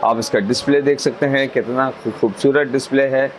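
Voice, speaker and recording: A faint steady hum sits behind a man with a Pakistani accent delivering a shop sales pitch. His mid-pitched voice runs through models and prices in repetitive, salesman-like patter. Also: a little fast. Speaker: mobile phone shop presenter.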